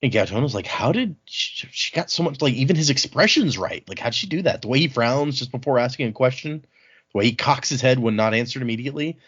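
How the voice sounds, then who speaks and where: The man's mid-range voice is animated, quick, fairly bright, and husky, though the audio is dull. He's a book podcast co-host guiding a read-along, retelling events colloquially and acting out paraphrased dialogue.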